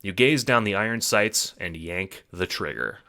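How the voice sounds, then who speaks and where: A deep, animated male voice narrates unhurriedly in a very noisy recording with music underneath. He is the narrator and producer of a scripted second-person story, delivered in a dramatic storytelling style.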